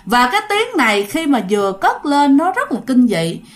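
Brief: chatty female storyteller, high voice, talks straight to listeners. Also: sing-song, moderate pace. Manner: chatty, addresses listeners directly. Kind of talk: casual ghost story narration.

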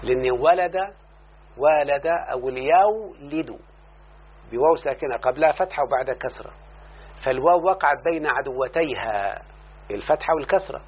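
A man's voice: mid-range voice, breathy edge. A man with an Egyptian accent teaching a lesson in a classroom style, explaining each point and constantly asking his student whether he has understood. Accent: Egyptian Arabic. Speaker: teacher of Arabic morphology. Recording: tinny lo-fi recording with faint hum.

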